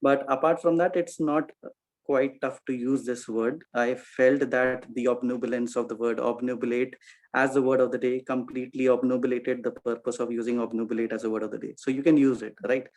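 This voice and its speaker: Quick methodical man giving a grammar report. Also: medium pitch, flat delivery, a little mellow, poor audio. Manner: quick, methodical, wordplay-loving. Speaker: meeting grammarian. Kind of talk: grammarian's report at a club meeting.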